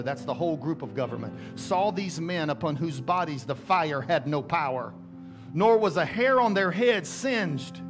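A middle-aged man pastor preaching a sermon on a large church stage through a headset mic, with emphatic rising calls and slow, drawn-out scripture readings. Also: on the high side. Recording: church sermon with music behind.

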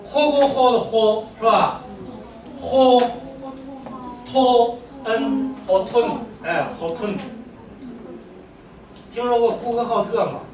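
A man teaching a classroom language lesson, joking and animated with his students. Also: high voice, a little fast, long pauses. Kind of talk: classroom lecture. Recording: echoey room, mic far off, faint room noise.

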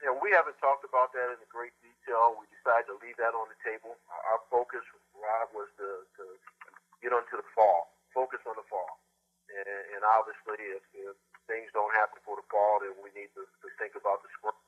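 An older man answering reporters' questions over a conference call line, halting and often restarting with repeated words. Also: fairly low pitch, steady tone, breathy edge. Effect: heard over a conference call line. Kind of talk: press teleconference answers. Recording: dull lo-fi call audio.

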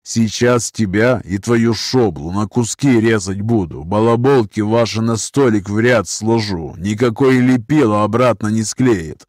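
Man doing a scarred ex-con, menacing, slow, criminal slang, low dry voice. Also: a little mellow, no room sound, lightly acted. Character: scarred hulking ex-convict, menacing.

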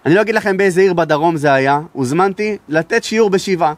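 A man's voice: high-pitched, no room sound. A man, a rabbi from Israel, giving a sermon and telling stories, sometimes raising his voice for emphasis. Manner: raises his voice to be heard, emphatic. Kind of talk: sermon with storytelling.

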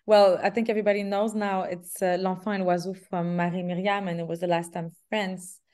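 A young woman from Canada, a singer, answering interview questions over a video call in a hesitant, halting way. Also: lowish voice, little pitch movement. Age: young adult. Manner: hesitant, restarts often, laughs softly. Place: small room indoors. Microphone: laptop webcam on video call.

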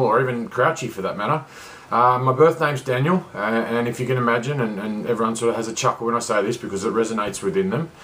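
A man's voice: medium pitch, a bit bright. A man talking casually to camera as a coach, rambling with many fillers and restarts. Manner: rambling, lots of uh and restarts, wanders off track.

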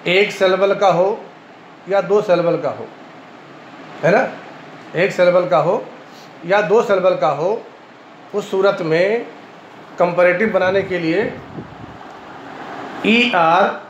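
A man teaching Arabic grammar in Hindi-Urdu with an Indian Urdu accent, a classroom lecture where he repeats each point and keeps checking in with "है ना", now and then clearing his throat. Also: sits high. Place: madrasa classroom. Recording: echoey room, dull lo-fi sound, faint hiss.

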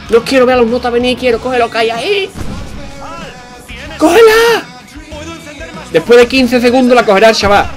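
A man commentating a video game, excitable, swearing and joking to his viewers. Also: very high-pitched. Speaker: gaming commentator. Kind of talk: let's play commentary.

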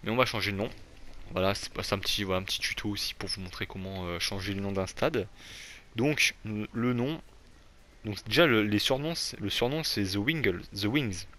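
A man's voice: fairly low pitch, fast talker, bright, forceful tone. A young man giving casual, rambling commentary on a football manager game, full of fillers and restarts. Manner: self-deprecating about his English accent. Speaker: gaming YouTuber.

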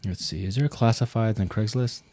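A man's voice: lowish voice, normal speed, a crowd in the background. A man hosting a casual chat, laid-back, laughing often and repeating himself. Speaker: host.

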